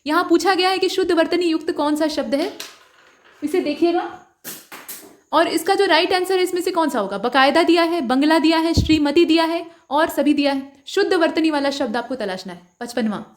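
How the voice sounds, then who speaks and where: A woman's voice: very high-pitched, fairly quick. A woman working through mock test answers as a tutor, patient and step by step, often asking listeners for the answer. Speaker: Hindi exam tutor.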